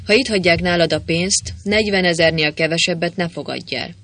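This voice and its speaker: A man's voice: a little high, bright, forceful tone. A man playing a bossy gangster.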